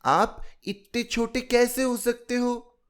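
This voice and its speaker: A man voicing a stubborn, tearful six-year-old girl in a high, whiny childish voice. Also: steady tone, slow. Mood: petulant.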